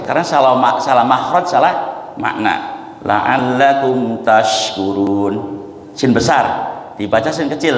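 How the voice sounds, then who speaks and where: A man in a mid-range voice delivers a lively religious talk with a casual lilt. He explains things in a homely way, dotted with "nah". The sound carries the long, roomy reverb of a mosque hall. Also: medium pitch. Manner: lively, folksy explanations with frequent "nah" and demonstrations of recitation. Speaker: preacher.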